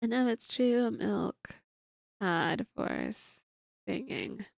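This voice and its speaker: In a mid-range, gravelly voice with huge pitch swings, a young woman streams at an extremely slow pace. Congested and nasal, she rambles casually through answers to her chat while watching videos, with no room sound.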